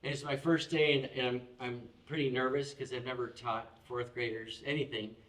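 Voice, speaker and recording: A man's voice: medium pitch, steady tone, moderate pace, a bit bright, reverberant, distant mic. A man preaching a conversational sermon as pastor, acting out quoted prayers and laughing at himself now and then. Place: church chapel.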